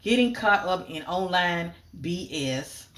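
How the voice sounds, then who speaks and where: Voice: mid-range voice, animated, slow pace, heavy background noise. Casual psychic reader listing fragment cues. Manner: lists clipped fragment cues, often "I'm getting"; casual, repeats phrases, frequent "um" fillers. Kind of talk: solo psychic reading, spoken monologue.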